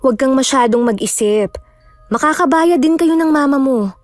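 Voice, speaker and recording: A woman playing a caring young woman who calmly reassures her friend in a horror audio drama. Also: sits high, normal speed, soft background music, close to an everyday voice. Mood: reassuring. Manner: reassuring and sensible.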